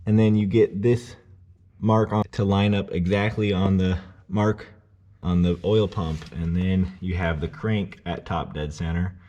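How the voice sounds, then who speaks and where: A car repair vlogger with a low voice works on an engine in his garage, casually talking viewers step by step through timing it at a measured pace. He explains in a relaxed way and speaks to the audience directly. The recording sounds muffled, with slight background noise.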